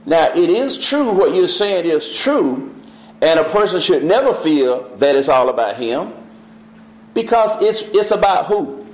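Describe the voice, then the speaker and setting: A man with a drawl leads a church Bible study, his voice rising and falling with lively swings. He reads scripture slowly and tosses questions to the class, and his voice rings through an echoey church room. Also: on the high side.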